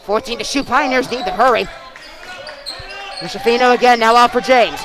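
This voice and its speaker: With an extremely high pitch and normal speed, a young play-by-play announcer gives projected, emphatic sports commentary. Background noise can be heard in the clip.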